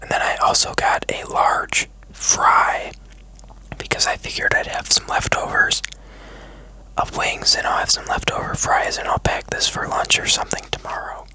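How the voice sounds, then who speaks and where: The voice is a steady whisper from start to finish, in the style of an ASMR food vlog. The host chats casually and takes their time, speaking close to the microphone. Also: rough recording. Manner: whispering throughout, unhurried, casual and chatty. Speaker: mukbang video host.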